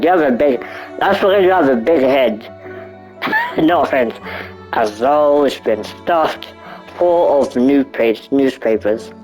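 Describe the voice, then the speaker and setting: A man's voice: mid-range voice, darkish tone, poor audio. A nineteen-year-old man reading a visual novel aloud, stumbling over words and breaking off for joking asides. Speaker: gaming YouTuber.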